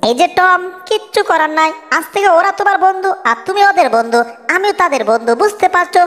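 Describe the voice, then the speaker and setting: A woman voicing a clever, fussy male cartoon mouse in a homemade dub, scolding and quick to worry. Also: extremely high pitch, a bit bright. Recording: long reverb, echoey room.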